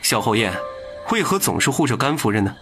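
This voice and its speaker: An actor voicing a smooth, ingratiating, scheming prince hosting a banquet in an animated drama. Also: male voice, medium pitch, fairly quick, music in the background.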